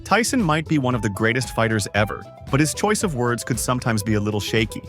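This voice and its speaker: Male narrator, scripted, animated intonation, upbeat, quiet music bed. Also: mid-range voice, fast talker. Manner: upbeat, hyped-up delivery. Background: faint background music.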